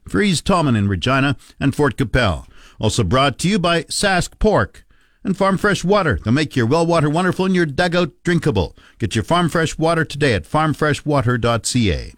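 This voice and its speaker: A man's voice: a little high, big pitch swings, normal speed, no echo. A man hosting a radio farm report, reading scripted markets and news at a close studio mic. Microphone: close studio microphone.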